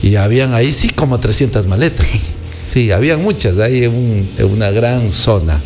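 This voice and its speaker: Man, an unhurried anecdote teller with a mid-range voice, faint music behind. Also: medium pitch. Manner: unhurried, meandering storyteller. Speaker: guest, an architect. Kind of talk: casual anecdote telling.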